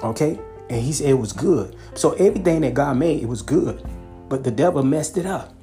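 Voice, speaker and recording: A male preacher delivers a podcast sermon in a warm, dark voice. He pleads with his listeners, circles back to the same phrases and breaks off to check they are following. Soft guitar plays faintly behind him. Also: mid-range voice, expressive, brisk. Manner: repetitive, pleading, peppered with "okay" and "hallelujah".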